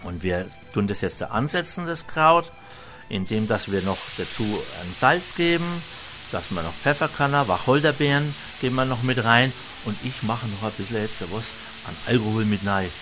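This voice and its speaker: Over music, a man with a lowish, expressive voice speaks at normal speed. He's a restaurant chef from Franconia, Germany, whose cooking demonstration chat is homely, rambling and full of hesitations, delivered in a Franconian German accent.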